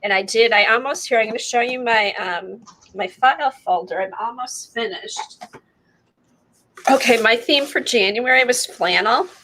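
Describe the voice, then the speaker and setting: A woman with a fairly high voice talks at a moderate pace over background noise. Hosting an art livestream in her morning voice, she chats casually and shows off her craft work, rambling with lots of fillers.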